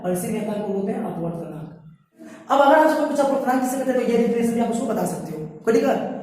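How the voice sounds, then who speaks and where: A woman's voice: on the high side, mellow. A woman, teaching a science class at a board, who keeps asking questions and answering them herself. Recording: echoey room from far off.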